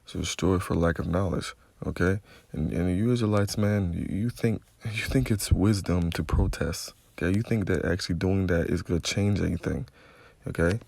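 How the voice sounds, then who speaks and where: A man's voice: low-pitched, moderate pace, gravelly, a little mellow. A man giving a confrontational, profane religious rant, constantly repeating "okay?" as he preaches. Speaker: religious commentator.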